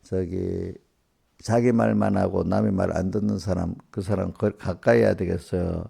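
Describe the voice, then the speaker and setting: A male pastor lectures a small group, firing off rhetorical questions in a scolding tone. His voice sits low and gravelly, with a dark, mellow timbre. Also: fairly even intonation, moderate pace. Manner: scolding, asks one rhetorical question after another. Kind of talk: small-group sermon addressing congregants directly.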